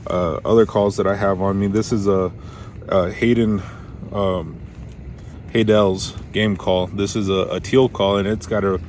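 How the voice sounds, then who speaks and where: A man giving a casual, instructional how-to as a hunting teacher, talking in a halting way as he thinks aloud. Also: deep voice, a little mellow, slight background noise. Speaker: duck calling instructor.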